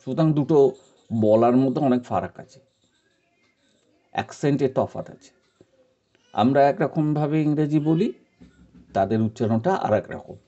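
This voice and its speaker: A man from India, giving an informal spoken lesson in a patient, encouraging way, with many pauses and fillers. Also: mid-range voice, mellow. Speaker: teacher giving advice. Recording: dull lo-fi recording.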